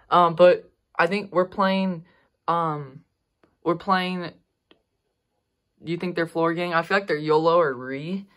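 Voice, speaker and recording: A woman's voice: lowish voice, fairly bright tone. A young woman talking casually to her viewers in a vlog, rambling with many ums and restarts and laughing easily. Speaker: vlogger.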